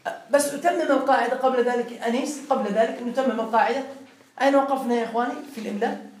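A man's voice: very high voice, rapid-fire, recorded from a distance. A man teaching a classroom grammar lesson, explaining step by step and quizzing his students. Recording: roomy classroom with faint noise.

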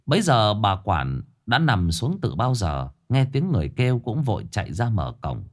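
A man narrating a scripted ghost story in a dramatic, expressive storytelling manner. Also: lowish voice, moderate pace.

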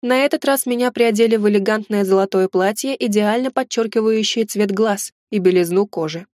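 A woman narrates a first-person fantasy novel in a steady, measured reading voice. Her pitch sits in the middle of the range. The sound is close and dry, with no room around it. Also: no room sound. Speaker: audiobook narrator.

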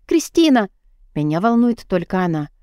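A woman's voice: mid-range voice, moderate pace, darkish tone, dry recording. Female audiobook reader, emotional first-person delivery, dry close mic. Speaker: audiobook narrator.

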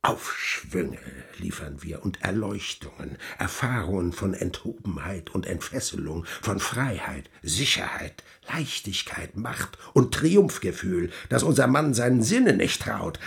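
An actor playing the Devil as a sly, mocking, smooth-talking tempter in a radio drama, theatrical and insinuating. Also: male voice, on the low side, exaggerated voice. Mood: seductive, grandiose. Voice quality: husky, breathy, creaky. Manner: theatrical, insinuating, wordy with mannered archaic phrases.

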